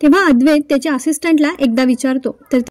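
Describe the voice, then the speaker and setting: A woman's voice: high-pitched, fast talker, dry recording. A woman hosting a casual recap of a TV serial episode, chatting as she tells the story.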